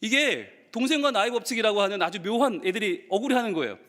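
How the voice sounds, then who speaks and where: High, animated male preacher. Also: fast talker. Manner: animated storytelling, acting out quotes. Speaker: pastor. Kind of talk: sermon to teachers. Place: church sanctuary. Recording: reverberant church hall.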